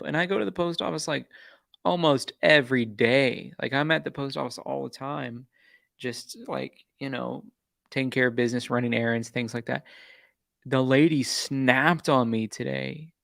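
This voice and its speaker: A man's voice: mid-range voice, unhurried, vocal fry, fairly bright tone, dry recording, clean studio sound. A man hosting a casual livestream, telling a rambling, exasperated story with many restarts. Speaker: YouTube true-crime channel host.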